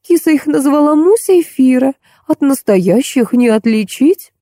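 Woman doing a high cooing fussy old nanny, storybook, dark dry voice. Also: expressive, normal speed, no room sound. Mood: matter-of-fact. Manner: fussing, soothing.

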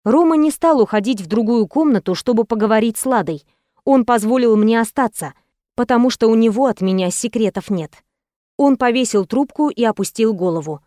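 A woman narrating an audiobook in the first person with a steady, expressive reading. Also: fairly high pitch, fairly quick, no room sound, studio quality.

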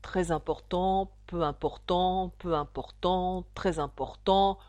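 A woman's voice: on the high side, very animated, unhurried. A woman voicing a fussy, muddled storybook king who speaks with pompous emphasis. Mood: muttering.

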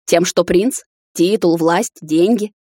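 A woman's voice: lowish voice, moderate pace, a little mellow, no room sound, natural voice. A woman voicing a huge, jealous male captain who growls his threats. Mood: menacing.

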